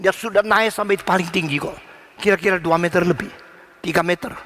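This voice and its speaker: A man preaching a sermon as pastor, animated, mixing in English phrases and bursting into sudden loud exclamations. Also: high-pitched, brisk, a little hiss or hum.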